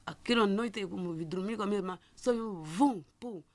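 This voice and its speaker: A middle-aged woman tells her own story in a gravelly voice. She speaks haltingly, restarting and repeating words. The sound is dry and close. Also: mid-range voice, no room sound. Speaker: listener telling her story. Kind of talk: personal testimony.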